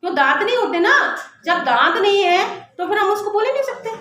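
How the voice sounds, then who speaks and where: A woman teacher giving a classroom grammar lesson, explaining step by step and slowly sounding out letters to demonstrate. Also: very high-pitched, animated, fairly bright tone. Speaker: Hindi teacher. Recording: very echoey classroom with faint noise.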